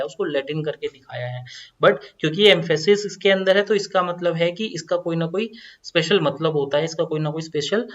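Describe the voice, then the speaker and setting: Man teaching code over a dull lo-fi mic. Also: on the high side. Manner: explaining step by step, repeats phrases. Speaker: coding tutorial teacher. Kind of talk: screen-recorded coding lesson.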